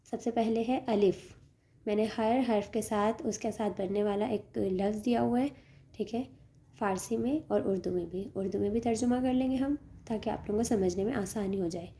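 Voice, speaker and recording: A woman teaching a lesson, speaking patiently, slowing down to sound out each word and often checking with "okay". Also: medium pitch, steady tone, mellow. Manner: patient, slows to spell out each word, often adds "theek hai". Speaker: language teacher. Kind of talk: teaching a Persian alphabet lesson.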